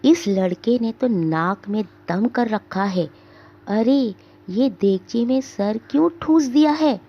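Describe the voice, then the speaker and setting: A woman teacher voicing a panicked young widowed mother who cries out for her son in high, tearful calls. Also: fairly even intonation, slow pace, lo-fi sound. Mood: frantic, tearful.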